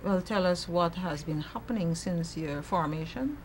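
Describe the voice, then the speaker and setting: A woman with a lowish voice hosts a morning television program, interviewing her guests. She keeps things friendly and brisk and often adds short affirming murmurs. A faint hiss sits under the voice. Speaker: morning TV show host.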